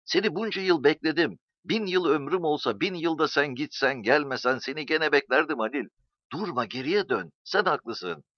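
Guy doing a fierce young village girl, higher voice, urgent and bossy, dull dry audio. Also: lively intonation, moderate pace, no room sound. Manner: urgent, commanding.

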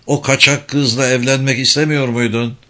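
A man's voice: medium pitch, flat delivery, normal speed, bright, forceful tone, pitched above the performer's own voice, close to an everyday voice. A man voicing a weary, impatient old father in a read-aloud novel. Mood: weary anxious. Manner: impatient, despairing.

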